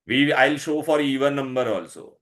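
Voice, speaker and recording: A man's voice: mid-range voice, moderate pace, fairly bright tone. A man with an Indian accent teaching a lesson, instructive and repetitive, often stopping to check that pupils follow. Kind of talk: online science lesson, questioning pupils.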